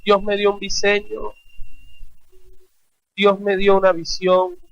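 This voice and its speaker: A male pastor preaching with a high, ringing voice, recorded dry and close with almost no room sound. He drives his point with rhetorical questions and emphatic repetition. He calls on the congregation to say his lines back. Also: level tone, slow, vocal fry, dry recording, highs cut off. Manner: exhorting, has the congregation repeat phrases. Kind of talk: sermon.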